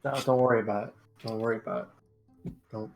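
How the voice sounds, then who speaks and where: A man's voice: on the low side, steady tone, quick pace, lo-fi sound, faint music behind. A man chatting casually on a group voice call, making dry, offhand jokes.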